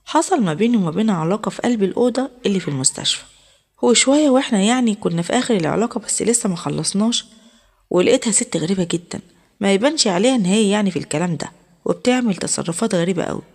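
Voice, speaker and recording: A woman's voice: medium pitch, lively intonation, very fast, a little mellow. A woman with an Egyptian accent telling a first-person story in a chatty, conversational way. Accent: Egyptian Arabic.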